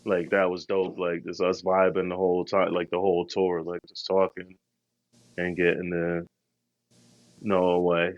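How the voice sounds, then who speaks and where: A man's voice: low-pitched, monotone, unhurried, no echo, dull audio. A man co-hosting a podcast, telling travel stories in a slangy, laid-back, rambling way. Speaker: podcast co-host. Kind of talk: casual travel storytelling.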